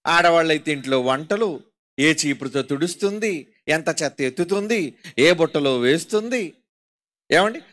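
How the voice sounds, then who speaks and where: A man with a Telugu accent delivers a sermon in a high voice that swoops up and down. He mocks his listeners and keeps firing rhetorical questions at them. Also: a bit bright. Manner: mocking, rhetorical, constantly asking the audience. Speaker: pastor.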